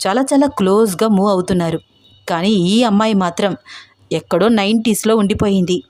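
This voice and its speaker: A woman's voice: medium pitch, fairly quick, a little mellow, dry recording, clean studio sound, lightly acted. A woman voicing a cocky young man who muses about a girl and calls out to her. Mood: musing.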